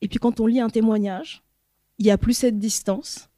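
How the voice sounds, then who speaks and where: A woman's voice: on the high side, steady tone, moderate pace, mellow, no echo. A woman in the audience of a public talk sharing a careful, reflective comment with many hesitations.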